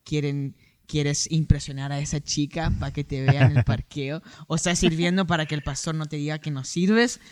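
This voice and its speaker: Male co-host, slightly raised voice, halting casual chat with fillers, dry close sound. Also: a little high, fairly even intonation, clean tone, no echo. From born in Puerto Rico, Chilean parents. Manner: hesitant, many fillers, laughs easily. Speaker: podcast co-host.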